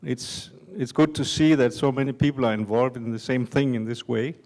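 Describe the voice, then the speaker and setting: Unhurried older man at a conference. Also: medium pitch, a little mellow. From Denmark. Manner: unhurried, halting with fillers. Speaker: conference speaker. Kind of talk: conference talk. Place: conference hall.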